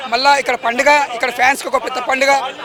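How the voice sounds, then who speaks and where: Fast-talking man over crowd noise. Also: very high-pitched, flat delivery. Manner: fast, emphatic, repeats the star's full title. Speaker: moviegoer giving a public review. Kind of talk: excited street interview. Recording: outdoor crowd noise behind.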